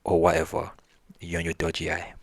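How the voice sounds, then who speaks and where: A man's voice: low voice, monotone, brisk, vocal fry, breathy edge, no room sound, full character voice. Rude talking chicken, as a man tells it. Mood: scornful. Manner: dismissive taunting.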